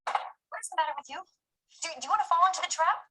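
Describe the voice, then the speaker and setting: A dramatic scolding friend. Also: female voice, extremely high pitch, huge pitch swings, a little fast, bright, forceful tone, slight background noise, heavily acted. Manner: emphatic, theatrical gasps. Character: young woman scolding her friend, dramatic. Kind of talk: sitcom acting.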